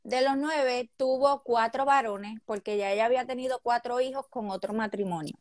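A woman in her thirties speaking Spanish with a Puerto Rican accent. She is a guest on a casual interview show, soft-spoken and hesitant at times, with a fairly high voice. The recording is close and dry. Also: fairly even intonation, normal speed, no echo. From Puerto Rico.

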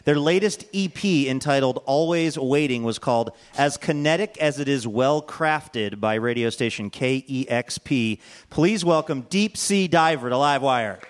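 A man's voice: medium pitch, expressive, moderate pace. A man hosting a live radio show, trading dry, wry retorts and introducing the next act.

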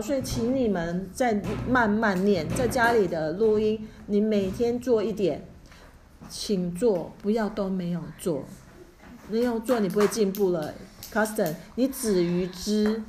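A woman's voice: mid-range voice, darkish tone, a little hiss or hum. A woman teaching English pronunciation in class, asking questions and correcting students by repeating words back to them.

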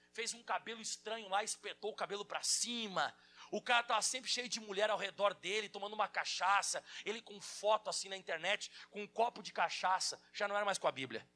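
A man preaching a lively sermon, acting out quotes and telling stories to the congregation. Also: sits high. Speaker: pastor.

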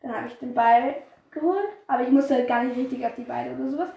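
A high-pitched teenage girl tells stories in a loose, rambling way, stacking fillers and giggling between phrases. She is recorded in a roomy space that adds a noticeable echo. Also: fast, vocal fry, mellow, highs cut off. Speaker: podcast co-host. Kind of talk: casual storytelling chat. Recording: echoey room.

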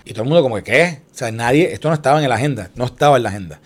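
A man's voice: medium pitch, expressive, racing. A man co-hosting a radio show, chatting about politics and acting out quoted people as he tells a story. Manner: storytelling, acts out quoted voices. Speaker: radio co-host. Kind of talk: casual political chat.

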